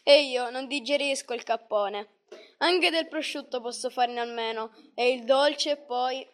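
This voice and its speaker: A woman voicing a poor, kind-hearted male shoemaker in a storybook reading, in a cheerful, gentle manner. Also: sits high, unhurried.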